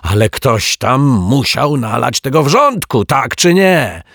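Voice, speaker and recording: A man voicing a lazy, quick-tempered male lodger in a children's story, snarling and shouting indignantly. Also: low voice, lively intonation, no echo, clean studio sound, heavily acted.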